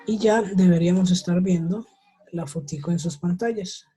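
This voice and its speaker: A man teaching an English class over a video call. He explains patiently, checks in with his students after almost every point and repeats example words slowly. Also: high-pitched, steady tone, warm tone, breathy edge. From Colombia.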